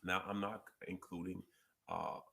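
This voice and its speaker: A man hosting a relationship advice chat, emphatic and preachy, quoting scripture and repeating key points slowly. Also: low-pitched, little pitch movement, gravelly, pushed and bright.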